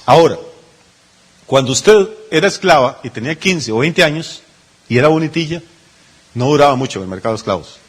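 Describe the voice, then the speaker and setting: A male pastor delivers a sermon, in a voice pitched a little high with a husky edge. He talks to the congregation as if chatting, asking rhetorical questions and briefly acting out the people in his examples. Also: animated, brisk, pauses often. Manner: conversational preaching with rhetorical questions and acted-out asides.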